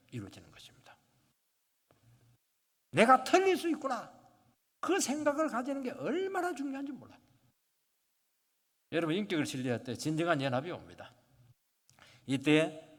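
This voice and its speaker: A Korean pastor preaching a sermon in church, swinging from shouted lines to near whispers and acting out the voices of church members. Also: male voice, sits high. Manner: dramatic swings from shouting to whispering, acts out congregants' quotes. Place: church sanctuary. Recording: long hall reverb.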